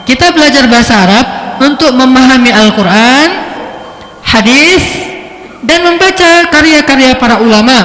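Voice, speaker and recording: A man giving a religious lecture, telling stories with lively shifts in pitch. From Indonesia. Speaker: preacher. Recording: echoey hall.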